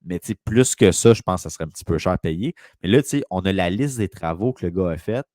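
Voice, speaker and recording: A man's voice: deep voice, animated, quick pace, darkish tone, no echo, studio quality. A man with a Quebec French accent, a real estate broker telling a long rambling story in casual conversation.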